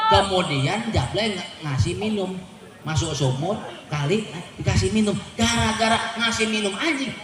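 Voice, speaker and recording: A middle-aged man, preaching a humorous sermon and quizzing his audience with jokes. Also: high-pitched. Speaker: Islamic preacher. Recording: echoey hall with loud crowd.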